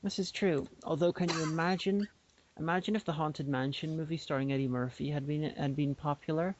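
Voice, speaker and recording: A woman with a low, darkish voice talks briskly and with fairly even intonation. She co-hosts a podcast, chatting in a playful, rambling way and often restarting her sentences. The audio is dull, lo-fi online call sound from a remote call microphone.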